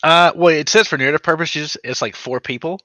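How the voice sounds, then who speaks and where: A man's voice: on the high side, brisk, pushed and bright, no echo, dull audio. A man chatting casually as a player in a tabletop game.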